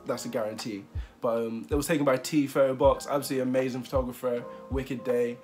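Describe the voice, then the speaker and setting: A man's voice: medium pitch, steady tone, quick pace, a little mellow, faint music behind. A man of twenty-one chatting casually in a vlog interview, rambling with fillers and frequent laughs. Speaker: vlogger.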